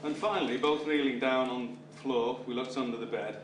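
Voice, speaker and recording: A man's voice: mid-range voice, fairly even intonation, fairly quick. A middle-aged or older British man giving a father of the bride wedding speech with dry, wry humour. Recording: roomy, distant microphone, clear background noise. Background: room noise and guests laughing.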